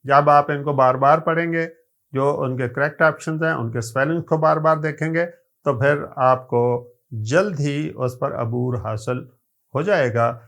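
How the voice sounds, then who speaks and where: A man's voice: mid-range voice, a bit bright. A man with a Pakistani accent teaching English vocabulary in a recorded lecture, spelling words out letter by letter and mixing Urdu with English terms. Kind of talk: recorded exam-prep lecture.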